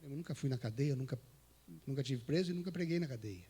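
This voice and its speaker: A man's voice: medium pitch, fast, husky. A man with a Brazilian Portuguese accent, a missionary preacher telling a story in a church sermon and acting out the dialogue. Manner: animated storyteller, acts out dialogue and scripture reading.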